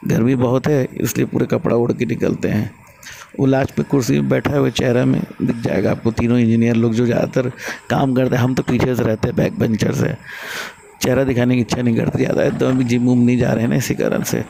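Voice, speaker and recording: Gravelly man narrating a site vlog. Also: mid-range voice, fairly quick, slight background noise. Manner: relaxed, explanatory, chatty. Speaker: vlogger showing construction work. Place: outdoor construction site.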